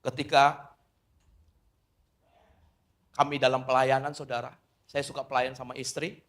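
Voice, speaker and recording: This sermon comes from a middle-aged pastor whose medium-pitched delivery is flat and measured. Loud points of emphasis give way to softer asides, and he keeps addressing the audience as "saudara."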